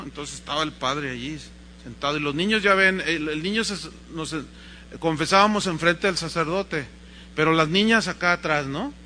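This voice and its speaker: A man with a Mexican accent preaching a sermon, telling a story in a lively way and acting out the voices. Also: fairly high pitch, a little hiss or hum. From Mexico, Guadalajara. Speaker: pastor.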